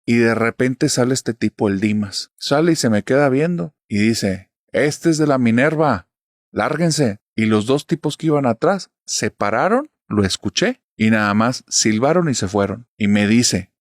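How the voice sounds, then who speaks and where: A man's voice: mid-range voice, expressive, moderate pace, few pauses, no echo, studio quality. A young man with a Mexican accent telling a personal story in an earnest, emphatic way. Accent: Mexican Spanish. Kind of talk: casual storytelling.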